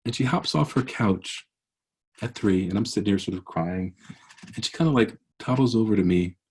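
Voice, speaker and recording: A man in his forties speaks in a low, slightly husky voice, delivering a heartfelt motivational keynote. He talks with a preacher's earnest cadence and often restarts his phrases. He is heard over a video call. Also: normal speed, darkish tone.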